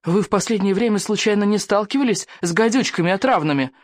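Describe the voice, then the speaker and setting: A man doing a creaky, gloomy old village elder. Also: high voice, quick pace, no room sound, studio quality, voice pushed up, lightly acted. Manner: mutters and frets over bad omens.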